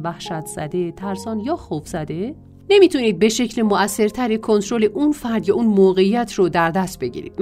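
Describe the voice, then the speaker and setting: A woman narrating a self-help audiobook in a measured reading voice, drawing out lists of words. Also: medium pitch, darkish tone.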